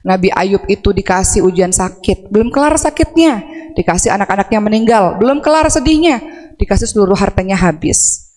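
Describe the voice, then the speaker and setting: A woman's voice: mid-range voice, animated, normal speed, a little mellow. A woman preacher talking casually to a women's audience, asking them questions and acting out anguished prayers. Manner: conversational, asks the audience questions; acts out anguished prayers in a raised voice. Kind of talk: religious talk to women. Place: large mosque hall. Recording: long hall reverb.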